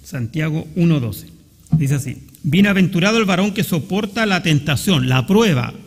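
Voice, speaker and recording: Chilean pastor guy preaching, husky kinda raspy voice, church echo trailing off. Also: fairly high pitch, lively intonation, moderate pace. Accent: Chilean Spanish. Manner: earnest preaching, often asking the congregation questions. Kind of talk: sermon. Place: church sanctuary.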